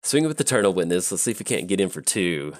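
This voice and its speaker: This man has a deep voice and talks quickly, recorded dry. Hosting his channel, he chats loosely over a card game, drifting through meandering stories with plenty of fillers and an easygoing manner.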